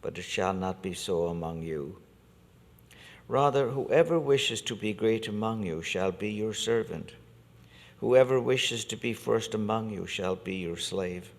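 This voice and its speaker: Deep-voiced priest in a cathedral echo. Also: male voice. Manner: measured, deliberate liturgical delivery. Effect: cathedral-like church echo. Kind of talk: gospel reading and homily. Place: large church. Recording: long church reverb.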